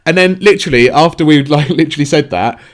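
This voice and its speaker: A man's voice: fairly high pitch, quick pace. A man co-hosting a board game podcast, chatting casually and telling stories with laughs. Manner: animated storytelling with laughs. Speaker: podcast co-host. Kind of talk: casual chat.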